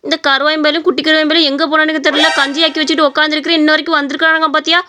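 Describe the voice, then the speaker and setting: A woman's voice: sits high, level tone, rapid-fire, background noise, close to an everyday voice. A woman voicing a grumbling, easily panicked old village woman in a cartoon story. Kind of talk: cartoon voice acting.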